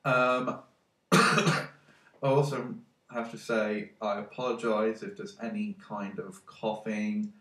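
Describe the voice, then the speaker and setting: A tech vlogger with a cold, his voice fairly low, level, slow, bright and forceful, rambles hesitantly in his own room, congested and full of ums and restarts. The monologue is casual, and he is recorded from a distance in an echoey room.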